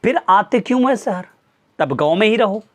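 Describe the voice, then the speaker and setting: A man's voice: high voice, lively intonation, normal speed. A man, a teacher, earnestly lecturing his students with pointed rhetorical questions. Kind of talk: motivational talk to students.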